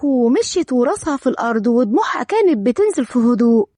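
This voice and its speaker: A woman's voice: a little high, very animated, fast talker, mellow, no echo, clean studio sound. A woman with an Egyptian accent narrating a dramatic story.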